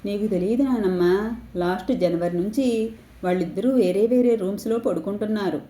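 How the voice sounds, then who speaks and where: A woman's voice: mid-range voice, moderate pace, warm tone, lightly acted. A woman voicing a young grandson, clingy and anxious, sobbing and pleading as he talks to his grandmother. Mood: tearful. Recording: echoey room.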